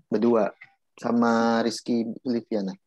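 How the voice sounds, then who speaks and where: A man's voice: mid-range voice, level tone, takes it slowly, a little mellow, no room sound. A man teaching Korean pronunciation in a casual online class, repeating himself and restarting while he explains. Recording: dull muffled audio.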